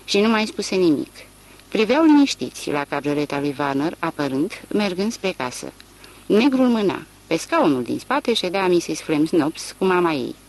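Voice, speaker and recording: An audiobook narrator reading a literary novel in a measured, expressive way. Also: mid-range voice, low-quality recording.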